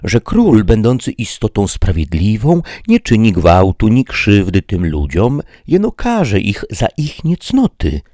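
A man voicing a cautious, loyal peasant squire in a higher, earnest tone. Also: huge pitch swings, a little slow, hardly any pauses, dark tone, no room sound, studio quality.

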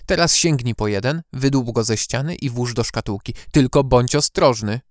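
A man's voice: mid-range voice, moderate pace, no echo, clean studio sound, lightly acted. A man voicing a clever female owl-like warrior who hoots, coaxes and stays firm in an audiobook. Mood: coaxing. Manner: hooting, coaxing, firm. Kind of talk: audiobook character voice.

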